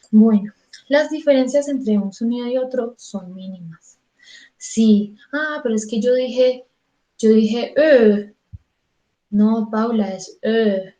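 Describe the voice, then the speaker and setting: Colombian woman vocal coach, fairly high mellow voice, chatty, acts out students' thoughts, echoey room. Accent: Colombian Spanish. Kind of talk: online singing lesson.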